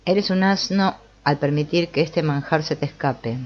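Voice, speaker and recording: A woman's voice: deep voice, moderate pace, dull audio, close to an everyday voice. A woman reading the part of a mocking, tempting devil who goads and taunts. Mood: taunting. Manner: taunting, goading.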